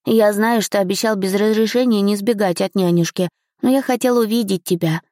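Woman voicing a four-year-old boy prince, eager and playful, raised childlike voice, mellow tone, dry close sound, storybook audiobook. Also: medium pitch, brisk, no room sound, close to an everyday voice. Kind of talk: audiobook character voice.

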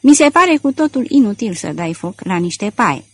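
A woman voicing a skeptical aristocratic male count in an audiobook, measured and doubtful. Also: mid-range voice, big pitch swings, husky, no room sound.

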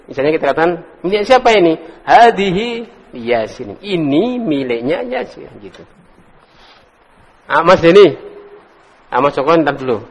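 A man's voice: fairly high pitch, big pitch swings, moderate pace, long pauses, husky. A man teaching an Arabic class, calling on students by name and drilling words in a casual manner. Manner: drills students, calls on them by name, chuckles. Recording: echoey hall.

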